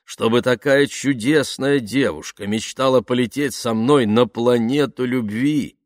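Pompous crooning actor, read by a man, slow and drawn-out, dry close sound. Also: on the low side, expressive, no room sound. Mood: theatrical. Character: vain smooth middle-aged actor, theatrical baritone.

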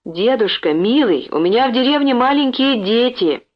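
A woman's voice: on the high side, lively intonation, normal speed, pitched above the performer's own voice. A polite teacher and mother pleading with a stubborn stranger, raising her voice to be heard, as a woman narrator reads her. She sounds earnest and insistent. The recording is dull and lo-fi. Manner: pleading, raised voice.

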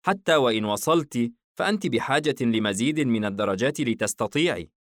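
A man's voice: mid-range voice, expressive, brisk, no room sound, studio quality, voice pushed up, close to an everyday voice. A man voicing a blunt, impatient male customer in a shop, curt in his replies. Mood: wary.

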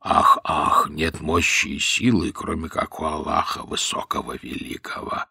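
A man's voice: a bass voice, flat delivery, unhurried, creaky, pushed and bright, husky, dry recording, clean studio sound, pitched below the performer's own voice, heavily acted. A man putting on a faint, whispery feigning king. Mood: feeble, scornful. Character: bewitched king feigning weak sickly voice.

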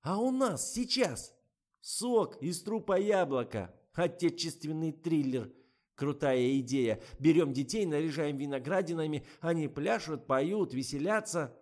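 A man's voice: a little high, moderate pace, a little mellow, pitched above the performer's own voice, close to an everyday voice. A man doing a gossipy chattering young woman. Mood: gossiping.

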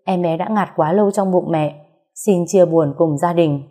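A woman voicing a hospital nurse who speaks slowly and solemnly in a low, mellow voice. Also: lightly acted. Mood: somber. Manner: slow, somber.

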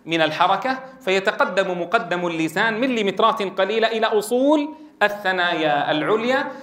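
A man's voice: sits high, fairly bright tone, echoey room. A middle-aged man teaching a classroom lesson, explaining and quizzing his students and drilling sounds aloud. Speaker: Quran recitation teacher.

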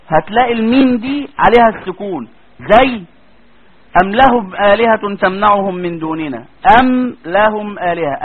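A man with an Egyptian accent giving a classroom lecture as a teacher, speaking colloquially and often checking with his students. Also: very high-pitched. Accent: Egyptian Arabic. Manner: colloquial, keeps asking students check questions. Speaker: tajweed teacher. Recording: tinny phone-like lo-fi audio.

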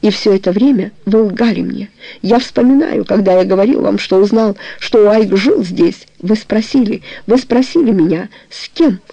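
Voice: medium pitch, moderate pace, gravelly, warm tone, dry recording. A reader voicing an angry jealous lover. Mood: bitter. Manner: pleading, then harsh and accusing. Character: jealous furious young man, lover. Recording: dull lo-fi recording.

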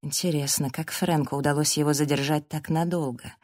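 A woman narrating a first-person audiobook in a steady, dramatic reading. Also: deep voice, fairly quick, dry recording, clean studio sound.

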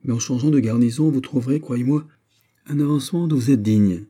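A man voicing a proud young king in an audiobook, speaking in a lofty, commanding way, higher than his narration. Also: brisk, dark tone, natural voice. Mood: gracious. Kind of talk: audiobook character voice.

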